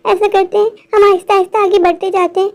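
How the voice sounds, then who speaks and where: A woman's voice: extremely high pitch, little pitch movement, fast, darkish tone. A performer voicing a stubborn but protective young boy who reassures his friend in a cartoon. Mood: reassuring stubborn.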